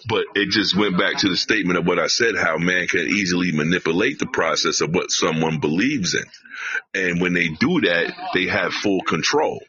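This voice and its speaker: A man's voice: sits low, normal speed, pushed and bright, highs cut off. A man hosting a live stream, preaching emphatically, repeating his phrases and swearing. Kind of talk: casual live-stream commentary.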